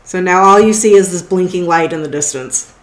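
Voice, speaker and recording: A woman narrating as game master in a tabletop game, talking casually with many fillers and pauses. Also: lowish voice, reverberant.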